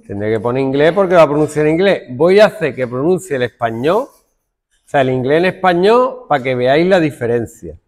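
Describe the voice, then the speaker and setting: A male computing teacher demonstrating code to a class, thinking aloud as he works and making stern asides to his students. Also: fairly high pitch.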